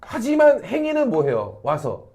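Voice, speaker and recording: A middle-aged man gives a high school social studies lecture in a classroom. His voice sits fairly high for a man and swings wildly up and down as he acts out quoted people. He keeps checking in with the class through rhetorical questions and drops salty slang. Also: huge pitch swings, normal speed, gravelly, a little mellow, breathy edge. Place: academy classroom.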